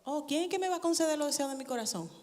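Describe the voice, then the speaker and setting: A woman pastor preaching a sermon in a church, expressive, with humor and sarcasm. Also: high-pitched, very fast. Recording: church hall reverb.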